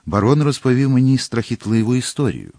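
A man voicing an earnest, uneasy young puritan officer who speaks urgently and low. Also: sing-song, brisk, dark tone, no echo, clean studio sound.

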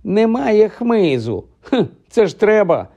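A man voicing an excitable, know-it-all schoolgirl in an audiobook, squealing high and flustered. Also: moderate pace, muffled recording. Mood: shrill fussy.

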